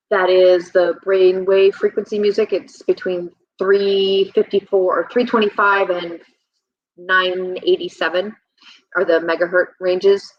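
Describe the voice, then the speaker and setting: A woman in her thirties, a health and nutrition coach talking as a guest in a relaxed interview, reflective and rambling with frequent ums. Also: mid-range voice. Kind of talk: casual conversational interview. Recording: slightly dull, lo-fi sound.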